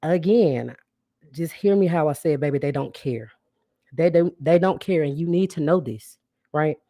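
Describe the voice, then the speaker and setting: A woman's voice: low voice, moderate pace, mellow, no room sound. Woman, podcast host, blunt, casual, talks straight to her audience, dry close sound. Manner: blunt, casual, addresses listeners directly as sis and baby; greets viewers and asks them to interact. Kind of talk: live-streamed podcast monologue.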